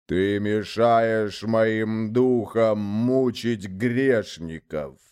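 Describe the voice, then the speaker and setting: A man voicing a giant male lord of the underworld, wrathful and scornful, who growls and thunders slowly in a storybook reading. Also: lowish voice, a little mellow, smooth.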